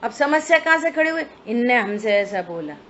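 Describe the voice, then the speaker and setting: A woman with a fairly high voice leads a scripture study session. She explains each point patiently and keeps checking that her listeners follow. The recording is dull and lo-fi, with a faint hiss underneath. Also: big pitch swings, moderate pace, a bit bright. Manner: explanatory, asks listeners rhetorical questions. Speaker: scripture teacher. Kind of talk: religious study discourse.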